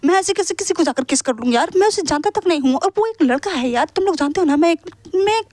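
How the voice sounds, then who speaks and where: A woman reads the lines of a proud, hot-headed young man, high-pitched and indignant. The voice is close and dry, with no room sound, and he pushes back hard whenever he is crossed. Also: expressive, quick pace, darkish tone, dry recording. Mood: annoyed. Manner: indignant, protesting.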